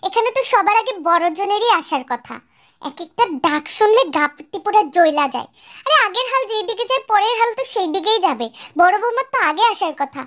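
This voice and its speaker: A woman's voice: very high-pitched, animated, fairly quick, a bit bright. A woman voicing a bossy, nagging older mother-in-law who scolds harshly, in a fan-dub drama. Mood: scolding.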